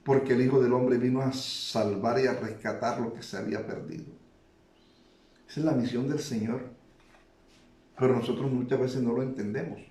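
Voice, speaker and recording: Man, preacher, middle pitch, repeats phrases, echoey room. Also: fairly even intonation, moderate pace, long pauses, warm tone. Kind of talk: sermon.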